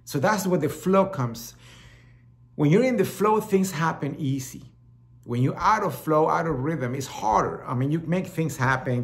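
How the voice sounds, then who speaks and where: Hosting a talk show, a middle-aged man from El Salvador rambles casually in his Salvadoran Spanish accent, his voice medium in pitch with a fairly bright tone. Words get repeated often, and he performs quoted voices as he goes.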